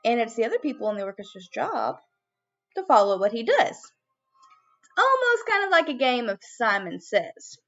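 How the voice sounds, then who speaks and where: Woman, high-pitched, children's music teacher, animated prompting delivery, muffled lo-fi sound. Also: moderate pace. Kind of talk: children's video lesson.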